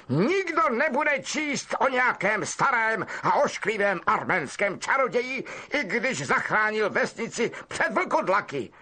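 A preening middle-aged wizard professor, put on by a male reader, speaks high and bright with a lively, swooping line. He draws his words out slowly and smugly, sounding set apart from the narrating voice. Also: slightly rough, exaggerated voice. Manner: affected, drawn-out, self-pleased.

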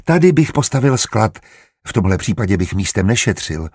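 A man's voice: lowish voice, sing-song, a little mellow, husky, no room sound, studio quality. A man voicing a good-natured, learned male steward who explains plans eagerly and kindly in an audiobook. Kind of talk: audiobook character reading.

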